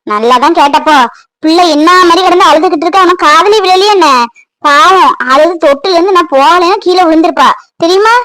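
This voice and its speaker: A woman's voice: extremely high pitch, fairly quick, fairly bright tone, dry recording, low-quality recording. Woman voicing a blunt, scolding village mother. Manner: scolding, bossy questioning.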